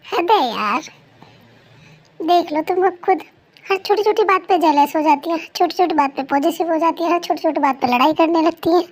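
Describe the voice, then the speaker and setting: A woman's voice: extremely high pitch, moderate pace, a little mellow. A woman voicing a young husband who whines and complains like a child, in a fan story role-play. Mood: whiny. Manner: whiny and complaining.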